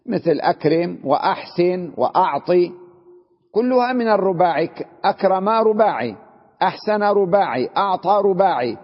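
A man's voice: high-pitched, breathy edge. A man teaching an Arabic grammar lesson, explaining step by step and often putting questions to his students. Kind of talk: classroom lesson. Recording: dull lo-fi recording in a reverberant hall.

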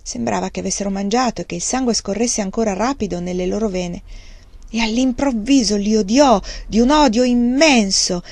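A woman's voice: mid-range voice, moderate pace, gravelly, darkish tone, no echo. A woman with an Italian accent reading a novel aloud expressively, sometimes dropping to a whisper. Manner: dramatic, dipping into whispers. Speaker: audiobook reader.

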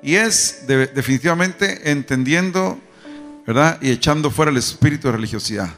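A man's voice: a little high, expressive, moderate pace, a bit bright. A man preaching a sermon at a church service, asking questions and calling the congregation to repeat after him. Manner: rhetorical questions and call-and-response with the congregation. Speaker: pastor. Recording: long reverb, faint music behind.

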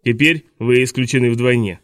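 A man's voice: mid-range voice, steady tone, normal speed, dry recording, studio quality, close to an everyday voice. A man voicing a petty, tyrannical vice principal who is bossy and smug and snaps at everyone, in an audiobook. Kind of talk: audiobook dialogue reading.

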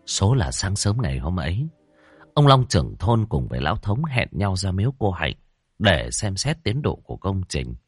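Husky, expressive male storyteller. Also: low voice, normal speed, faint music behind. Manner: dramatic, expressive reading. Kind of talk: ghost story narration.

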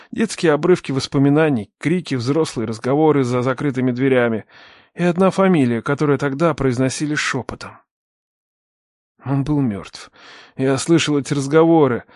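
A man in his twenties narrating a first-person story at a measured, tense pace. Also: fairly high pitch, darkish tone, no room sound, studio quality.

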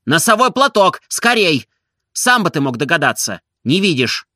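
A man voicing an idle, fussy gentleman who scolds his servant impatiently in a storybook reading. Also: on the high side, big pitch swings, a little slow, dry recording, clean studio sound, exaggerated voice.

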